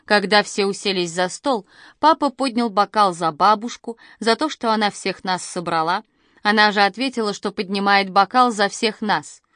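A woman reading a first-person audiobook in a lively storytelling manner. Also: mid-range voice, normal speed, dry recording, clean studio sound. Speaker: audiobook narrator.

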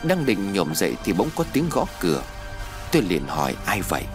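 Deep-voiced man telling a ghost story. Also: moderate pace, over loud music. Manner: expressive, dramatic storytelling with lively pitch. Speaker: audiobook narrator. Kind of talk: first-person ghost story narration.

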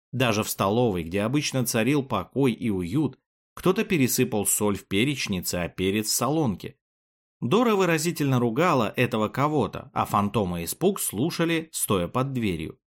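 A man narrating a children's storybook in an expressive, animated way. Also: medium pitch.

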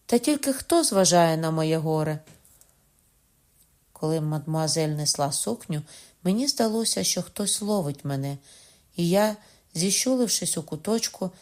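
A woman giving an expressive first-person audiobook reading, lively and rising high whenever she voices excited speech. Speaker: audiobook narrator.

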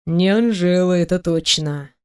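A woman voicing a teasing, domineering male boss in an audiobook, speaking low, slow and mocking. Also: lively intonation, darkish tone, natural voice.

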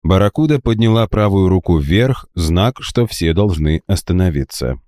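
Man, deep dark voice, lively expressive reading, fantasy audiobook narration, dry close sound. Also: normal speed, no echo. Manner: expressive storytelling.

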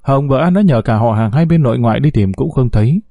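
A man narrating a dramatic story in a steady, scripted way. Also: mid-range voice, quick pace, dry recording, dull audio.

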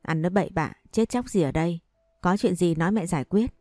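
A woman reading the lines of a sharp-tongued older mother who scolds her daughter bluntly, in an audio story. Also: lowish voice, brisk, no room sound, studio quality, soft background music, lightly acted. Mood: scolding.

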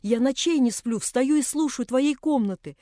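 A woman's voice: high-pitched, moderate pace, dark tone, no room sound, clean studio sound, close to an everyday voice. A woman reading the part of an old father who speaks tenderly and tearfully to his daughter.

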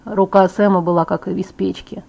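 A woman's voice: mid-range voice, little pitch movement, normal speed, creaky, dark tone. A woman narrating a first-person story as an audiobook, reading steadily with small hesitations. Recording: dull lo-fi audiobook file.

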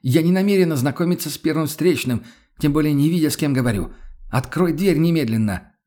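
A man voicing a furious stranded townswoman in an audiobook, yelling hoarse, insulting demands. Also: on the high side, expressive, brisk, pitched above the performer's own voice, close to an everyday voice. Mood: indignant. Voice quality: hoarse shrieking. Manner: yelling, insulting, banging on the door. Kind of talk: audiobook character voice.

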